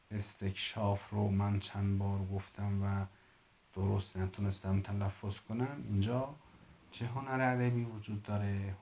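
A man with a mellow, fairly low voice teaches literature, going through a classical Persian text line by line. He reads the prose aloud, explains it in plain speech, and stops to correct his own pronunciation.

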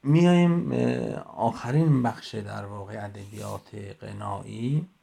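Gravelly-voiced man giving a lesson. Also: lowish voice, sing-song, warm tone. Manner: explains slowly, lists examples one by one. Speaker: teacher. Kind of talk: recorded lecture. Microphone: phone voice message.

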